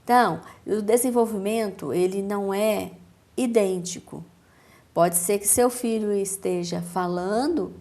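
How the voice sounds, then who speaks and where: Calm Brazilian woman explaining clearly. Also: mid-range voice. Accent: Brazilian Portuguese. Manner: calm, didactic, measured pauses. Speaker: speech therapist guest. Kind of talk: TV interview explanation.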